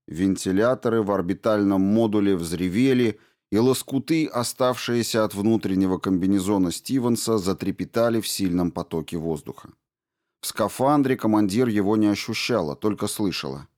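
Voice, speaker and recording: A man narrating a science fiction audiobook in an even, measured reading. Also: lowish voice. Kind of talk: scripted narration.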